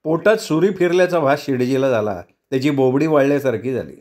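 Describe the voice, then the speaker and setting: A male storyteller reads a novel aloud at a measured pace. His mid-pitched voice is expressive and steady. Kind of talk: audiobook narration of a novel.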